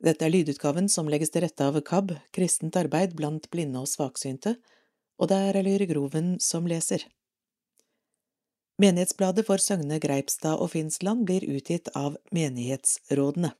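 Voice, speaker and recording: A Norwegian woman reading a devotional article aloud for an audio edition of a parish magazine, calm and measured. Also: low voice.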